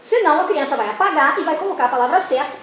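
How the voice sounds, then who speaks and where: High-voiced woman teaching in an echoey room. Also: lively intonation, rapid-fire, a bit bright. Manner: explains patiently with many examples, acts out classroom questions. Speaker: literacy teacher trainer. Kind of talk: explanatory lesson. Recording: echoey room with faint noise.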